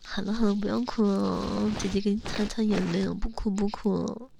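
A young woman acting a teasing, coaxing young woman who calls herself big sister, in an intimate role-play audio spoken close to the mic with soft whispers. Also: mid-range voice, fairly even intonation, unhurried, background noise, natural voice.

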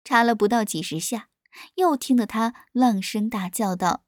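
A woman's voice: fairly high pitch, moderate pace, dry recording, clean studio sound. Woman reading a story steadily. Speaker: narrator. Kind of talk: scripted narration of an erotic story.

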